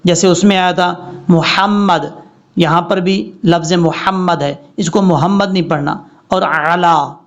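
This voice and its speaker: A man teaches how to pronounce the prayers, stretching each recited word slowly and carefully. His speech is unhurried, and the recording sounds dull and lo-fi. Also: high voice, steady tone. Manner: slow drawn-out recitation of Arabic words between quick explanations. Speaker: tajweed teacher. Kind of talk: prayer pronunciation lesson.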